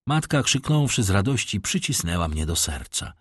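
A man reading a classic novel aloud as an audiobook narrator, with expressive, dramatic storytelling. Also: lowish voice, moderate pace, breathy edge, no room sound, studio quality.

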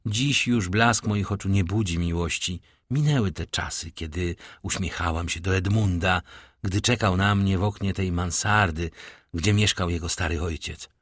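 A man's voice: low-pitched, moderate pace, fairly bright tone, no room sound, studio quality. A man reading the lines of a grieving, self-reproaching woman of about forty in an audiobook.

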